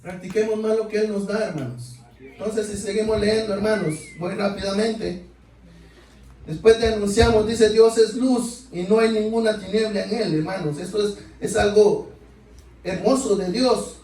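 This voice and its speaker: Male preacher, very high voice, heard from a distance in a reverberant sanctuary, sermon delivery full of "brothers" and questions. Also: moderate pace, warm tone. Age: adult. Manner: keeps addressing listeners as brothers, asks rhetorical questions. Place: church sanctuary. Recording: echoey church, mic far off.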